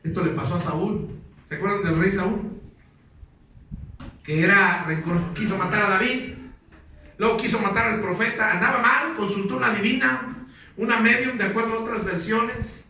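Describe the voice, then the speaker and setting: High-voiced pastor preaching in an echoey hall. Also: male voice, sharp tone. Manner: asks the congregation questions and waits for replies; slow, emphatic reading of scripture. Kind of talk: sermon. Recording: very echoey hall, distant mic, faint noise.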